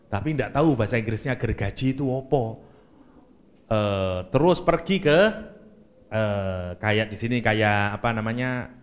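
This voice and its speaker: A man with a Javanese accent giving a joking, lively lecture on Quranic exegesis as an Islamic preacher. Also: lowish voice. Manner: lively, joking, mixes Javanese and English words.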